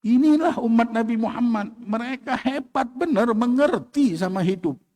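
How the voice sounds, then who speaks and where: A man's voice: extremely high pitch, animated, normal speed, darkish tone. Man preaching a sermon. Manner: storytelling, repetitive and exhorting. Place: mosque.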